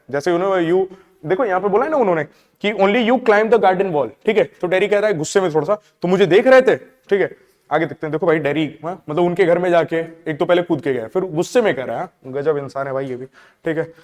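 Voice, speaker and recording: A male English teacher explaining a play line by line, reading the English lines slowly and then explaining them, with frequent checking fillers. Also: high voice, in a large hall.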